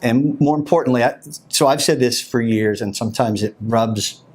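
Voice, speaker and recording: A man talking as a creative director on a podcast, earnest and explanatory when he gets into his work, with dry humor around it. His voice sits at an ordinary middle pitch. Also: moderate pace, darkish tone, slightly rough. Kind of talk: casual podcast chat.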